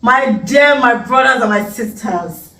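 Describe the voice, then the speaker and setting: Animated Nigerian woman telling a story. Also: fairly high pitch, unhurried, distant mic. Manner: animated, dramatic, teasing, pidgin-laced. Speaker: vlogger. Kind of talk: casual storytelling chat. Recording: echoey room, off-mic, faint hum.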